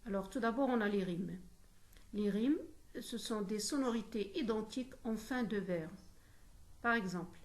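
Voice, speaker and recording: A woman teaching a poetry lesson, explaining syllables and rhymes and sounding out each one deliberately. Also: medium pitch. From Morocco.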